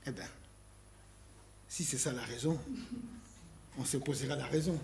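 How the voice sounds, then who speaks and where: A man preaching a sermon, slow and emphatic, reading scripture aloud and asking rhetorical questions. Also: medium pitch, darkish tone, a little hiss or hum.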